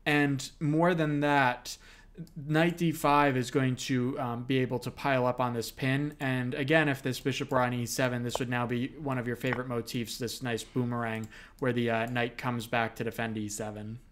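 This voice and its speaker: Man calmly walking through chess moves. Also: medium pitch, moderate pace. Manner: explains moves steadily with frequent fillers. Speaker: chess commentator. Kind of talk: analytical casual commentary.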